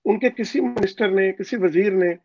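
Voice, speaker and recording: A man's voice: high voice, moderate pace, gravelly, a little mellow, no room sound. A man from Pakistan speaking as an interview guest over a phone call line, insistent, with many hesitant fillers. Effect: voice heard over a phone call line. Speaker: interview guest, overseas community leader. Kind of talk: political interview. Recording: dull, dry phone call audio.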